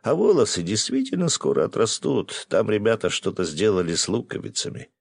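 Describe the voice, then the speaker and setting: A man's voice: fairly low pitch, huge pitch swings, brisk, gravelly, husky, no echo, voice pushed up, full character voice. A man voicing a teasing, tender young merchant who jokes playfully with the woman he loves.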